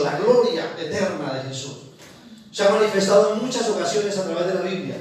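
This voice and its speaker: Un hombre con acento latinoamericano predica un sermón, enfático, alternando declaraciones fuertes y frases bajas y suaves. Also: male voice. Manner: emphatic, swings between loud high declarations and low hushed lines. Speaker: pastor. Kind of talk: sermon reading and explaining scripture. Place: large echoey church hall. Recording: very echoey hall, voice from far off.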